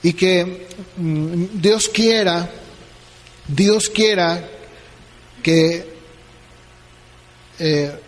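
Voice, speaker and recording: A man's voice: high voice, extremely slow, pauses often, in a large hall. A man preaching a sermon as pastor, questioning his listeners and acting out conversations. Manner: asks the congregation questions, acts out dialogues.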